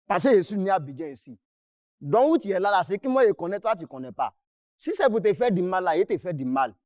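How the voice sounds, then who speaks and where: A man's voice: high-pitched, very animated, quick pace, a little mellow, dry recording, studio quality. A man, confronting the person who owes him money; he talks angrily, insists and cuts in. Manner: angry, insistent, repeats himself, interrupts. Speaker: client in a dispute. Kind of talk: heated confrontation on a mediation show.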